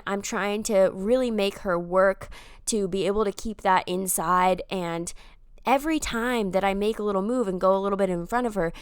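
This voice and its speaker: A young woman talks through footage of her own race in an upbeat, chatty way, often dropping in a casual "like." Her voice is smooth and resonant, recorded close and dry with no room sound. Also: medium pitch, no echo. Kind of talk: voice-over race analysis.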